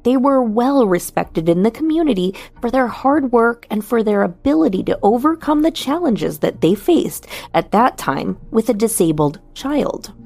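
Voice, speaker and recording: A woman host narrating a scripted true crime bedtime story as a sleep story narrator, in a soft, soothing delivery. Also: fairly high pitch, lively intonation, normal speed, vocal fry, hardly any pauses, dry recording. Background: soft music.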